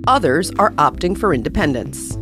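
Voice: mid-range voice, lively intonation, moderate pace. A radio host reads scripted broadcast narration in a mid-range voice. Faint music sits underneath.

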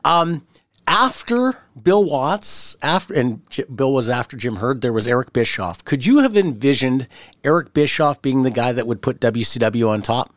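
A man's voice: mid-range voice, lively intonation, moderate pace, dry recording, studio quality. A man hosting a casual interview, responding to his guest and asking questions. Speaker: podcast interviewer.

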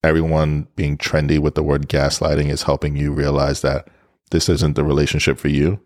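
A man's voice: rumbling low, little pitch movement, fairly quick, darkish tone, no echo, studio quality. A man co-hosting a podcast, chatting casually and laid-back, sometimes hesitant and restarting his sentences. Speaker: podcast co-host. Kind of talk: casual chat.

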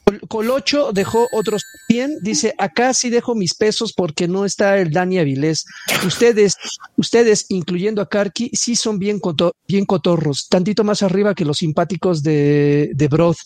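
A man's voice: high voice, normal speed, darkish tone, no room sound. A man with a Mexican accent co-hosting a show, informal and slangy, chatting and reading out comments from viewers. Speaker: show co-host.

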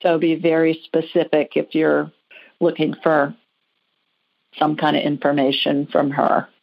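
Her voice sits low and creaky, with a completely flat, unhurried delivery. An American-accented woman, she hosts a psychic call-in show and gives chatty, informal, reassuring conversational readings on dull lo-fi audio.

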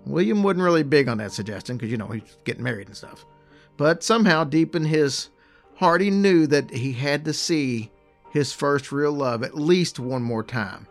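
A man's voice: fairly high pitch, expressive, moderate pace, faint music behind. Laid-back man telling a ghost story. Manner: chatty, laid-back, jokey asides. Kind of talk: casual storytelling.

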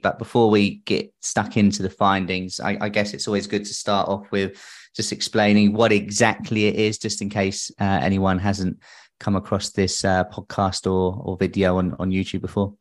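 A man hosting a financial podcast in a conversational way. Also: low-pitched. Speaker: podcast host.

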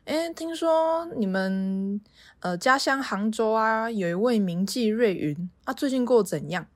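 A woman with a Taiwanese Mandarin accent voicing a mysterious male scholar who casts spells, calm and knowing. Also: a little high, a little slow, no room sound. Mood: curious.

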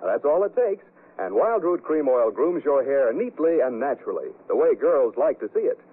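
Old timey radio announcer guy, bouncy formal pitch, thin tinny sound, bit of music under. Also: big pitch swings, moderate pace. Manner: formal, emphatic sales delivery. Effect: old 1940s radio broadcast sound. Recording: tinny 1940s radio broadcast with faint music.

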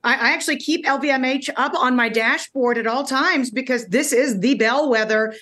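A woman economist giving analytical, measured commentary as a guest on a TV news show. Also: high-pitched, bright, forceful tone. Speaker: economist and research CEO.

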